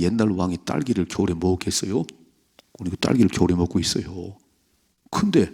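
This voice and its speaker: A man preaches at an early-morning church service in a low, somewhat husky voice. He reads scripture slowly, then breaks into animated storytelling and acts out the people in the passage. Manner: animated preaching, acting out biblical figures' voices. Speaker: pastor. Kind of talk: early-morning prayer sermon. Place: church sanctuary.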